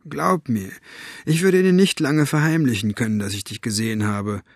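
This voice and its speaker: A man playing a wary, scarred grown man who speaks in a low, hushed, insinuating way. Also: normal speed, dry recording, studio quality, natural voice.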